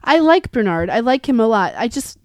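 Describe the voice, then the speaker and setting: A woman's voice: fairly high pitch, big pitch swings, a little fast, no echo. A woman co-hosting a podcast, enthusiastically musing about a TV episode in casual chat. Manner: enthusiastic, wondering aloud. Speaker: podcast co-host.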